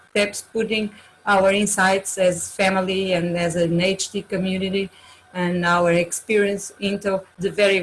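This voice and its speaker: A woman's voice: fairly low pitch, slight background noise, poor audio. A woman in her forties with a Portuguese accent, introducing herself as a webinar panelist on a video call and often hesitating as she searches for her words in English. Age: 40s.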